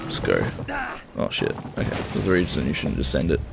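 A man's voice: a bass voice, big pitch swings, a little fast, vocal fry, background noise. A man streaming a game, casually commenting, swearing and muttering to himself, congested and talking through his nose.

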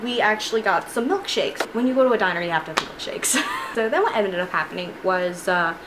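A young woman, a student, telling a casual storytime vlog in a chatty, animated way with frequent laughs, filmed at home on a camera in her room. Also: medium pitch, a little fast. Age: young adult. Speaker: vlogger. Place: bedroom with shelves of figurines, indoors. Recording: noisy home recording.

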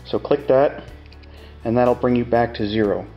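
A man's voice: mid-range voice, moderate pace, highs cut off, faint music behind. A middle-aged man explaining step by step like a plain-spoken machinist, in a casual hands-on tutorial. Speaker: tutorial host demonstrating measuring tools.

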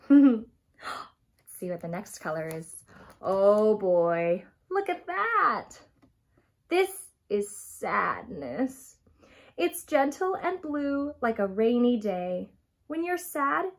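In a small furnished room at home, a high-voiced woman animatedly reads a picture book aloud to young children. She's expressive, asks questions and speaks right to her little listeners, with dramatic gasps and emphatic, stretched-out key words.

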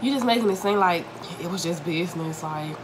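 The voice belongs to a young woman on the low side who talks briskly, a mukbang vlogger chatting casually while eating and somewhat congested from a cold. It's a home recording in her dining room via a table-distance camera mic, with noticeable room noise.

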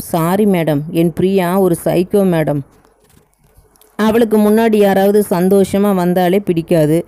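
A woman's voice: mid-range voice, dark tone, dry recording, natural voice. A woman voicing a remorseful young man who confesses and apologizes in a pleading way.

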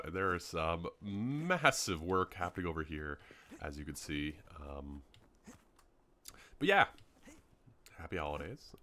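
Chatty young man, lively bright voice. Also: low voice. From Canada. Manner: rambling, chatty, many ums. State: hiccups, voice starting to go. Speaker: gaming YouTuber. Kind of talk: casual gameplay commentary.

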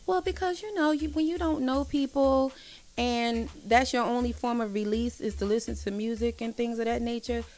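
Chatty, animated woman in her forties. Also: fairly high pitch, moderate pace, slight background noise. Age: 40s. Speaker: singer guest. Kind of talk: casual live-stream interview.

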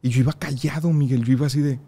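A young man with a Mexican accent, a podcast guest telling personal stories in a casual, lively way with frequent laughter. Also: mid-range voice, rapid-fire, husky. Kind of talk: casual interview storytelling.

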